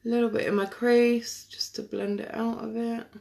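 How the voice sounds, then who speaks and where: A woman chatting casually through a live makeup tutorial, self-deprecating and quick to laugh. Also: on the high side, flat delivery, creaky, dark tone. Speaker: makeup vlogger.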